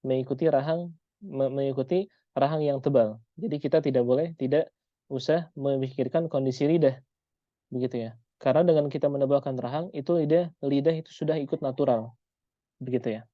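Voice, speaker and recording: A man teaching Quran recitation in an online lesson, patiently repeating example sounds slowly. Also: mid-range voice, steady tone, no room sound, highs cut off.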